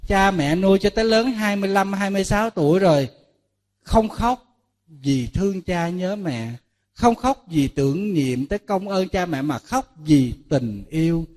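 Lively monk preaching. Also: male voice, sits high, moderate pace. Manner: lively storytelling, acting out dialogues with listeners; rhetorical questions to the audience. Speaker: Buddhist monk giving a dharma talk. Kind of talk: sermon to a lay audience.

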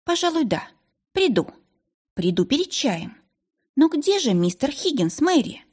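A woman reads as a young gentlewoman, tearful and pleading, her voice lifted high and swinging widely between notes. The tone has a faint huskiness. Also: big pitch swings, normal speed, slightly rough, heavily acted. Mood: resolute. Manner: emotional, pleading.

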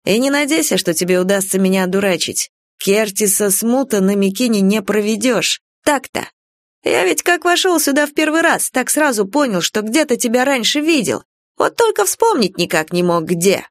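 A woman's voice: medium pitch, sing-song, normal speed, no echo. Woman playing a sly, threatening skinny detective. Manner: taunting, threatening. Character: menacing skinny male detective, suspicious.

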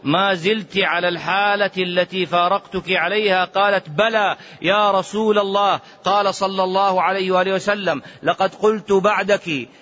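Man, high voice, religious lecture, emphatic, sing-song quotations, repetitive rhetorical questions, dull muffled recording. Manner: animated, swings from loud emphasis to low muttering asides; chants quoted hadith in a drawn-out sing-song. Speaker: Islamic scholar giving fatwas.

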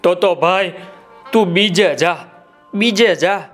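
A man voicing a kind male dog in a children's tale, dropping his voice low and speaking comfortingly. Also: steady tone, takes it slowly, a bit bright, smooth, faint music behind. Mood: dismissive.

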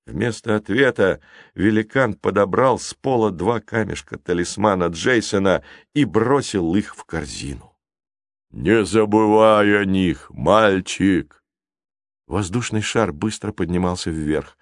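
A man reading an adventure audiobook in a measured, dramatic narration. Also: sits low, lively intonation, dry recording, clean studio sound. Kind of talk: scripted storybook narration.

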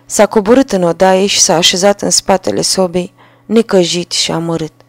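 A woman reading a fairy tale aloud as storyteller, calm and measured. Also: on the low side, no echo.

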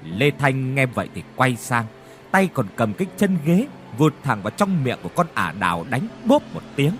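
A man's voice: mid-range voice, very animated, moderate pace, fairly bright tone, faint music behind. A man narrating a horror story with dramatic delivery. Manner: dramatic, voices characters' cries.

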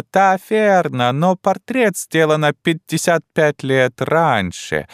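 Man voicing a shrill eighty-two-year-old Frenchwoman, indignant, broken grammar, high squeaky pitch, drawn-out words, storybook reading. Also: fairly bright tone, no echo, studio quality, heavily acted. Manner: broken grammar, foreign-sounding speech.

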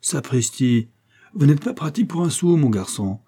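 A man's voice: a little high, sing-song, normal speed, mellow, husky, pitched above the performer's own voice, full character voice. Guy doing a jolly middle-aged banker, old sailor type, friendly and hearty. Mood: jovial. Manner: hearty, good-natured.

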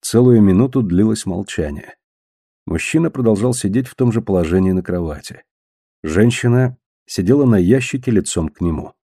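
A man narrating a literary audiobook in an even, measured reading. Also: on the low side, no room sound, studio quality.

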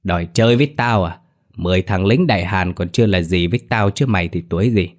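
A man voicing a feisty old village man in an audiobook story. He talks in a gruff, cursing drawl. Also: low-pitched, fast talker, lightly acted. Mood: furious.

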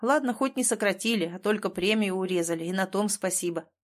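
A woman's voice: mid-range voice, brisk, lightly acted. Woman reading as a grumbling office man near forty. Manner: grumbling, placating. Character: man nearly forty, cautious, defensive office worker.

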